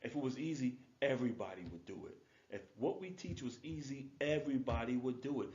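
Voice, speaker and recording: A man's voice: mid-range voice, animated, brisk, darkish tone. A man giving a motivational webinar as a life coach, talking in an emphatic, repetitive, informal way. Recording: roomy, dull lo-fi audio.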